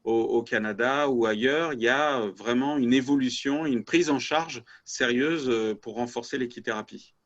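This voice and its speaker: A man moderates a panel over a dull, lo-fi web connection. His voice sits at a medium pitch, and he builds long, winding questions, restarting phrases as he goes. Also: normal speed, hardly any pauses. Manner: wordy, roundabout questions with restarts. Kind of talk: unscripted interviewing. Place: web video meeting. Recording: dull lo-fi web-call audio.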